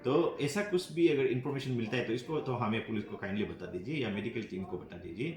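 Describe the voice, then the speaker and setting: A man, a police officer giving earnest, halting answers in an interview. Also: medium pitch, music in the background. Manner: earnest, halting, many restarts, mixes English phrases. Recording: echoey, crowd noise behind.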